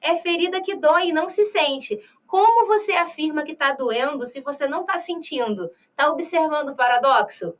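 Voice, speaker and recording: In a recorded exam-prep lecture, a high-voiced Brazilian woman speaking Rio de Janeiro Portuguese teaches literature, her tone a bit bright and the mic distant. Her explanations lean on rhetorical questions and frequent "né?" and "tá?", with verses read slowly and drawn-out.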